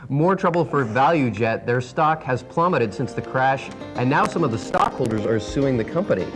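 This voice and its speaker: American male news anchor, animated pitch. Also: moderate pace, music in the background, low-quality recording. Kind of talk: broadcast news delivery with ad-libbed banter.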